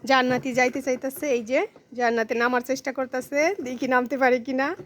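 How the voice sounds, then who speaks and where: A high, bright-toned woman narrates a casual family vlog. She turns from viewers to coax her little daughter, gentle and chatty. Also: steady tone, fairly quick. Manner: coaxing, talks to viewers and to a small child. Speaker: mother filming her daughter.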